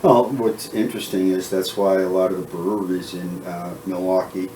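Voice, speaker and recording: A man's voice: deep voice, level tone, normal speed, mellow, a little hiss or hum. A man acting as interviewer, asking questions and adding comments in casual conversation. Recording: roomy, distant mic.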